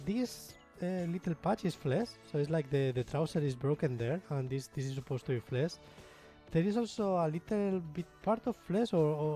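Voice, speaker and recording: A man's voice: fairly high pitch, warm tone. A young man with a Spanish accent, explaining his miniature painting in a rambling, self-deprecating way with lots of fillers. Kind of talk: casual tutorial talk.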